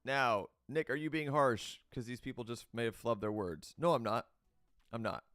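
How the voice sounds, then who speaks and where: A man's voice: medium pitch, normal speed, a bit bright, no echo, clean studio sound. A man hosting a show, reading crypto news aloud and breaking into blunt, opinionated rants, with loose fillers and restarts. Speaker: host.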